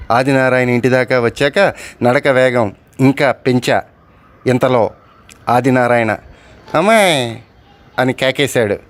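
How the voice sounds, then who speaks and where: A man telling a story from a diary, breaking off now and then to talk back to its writer. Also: mid-range voice. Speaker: storyteller reading a diary aloud. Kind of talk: storytelling narration with spoken asides.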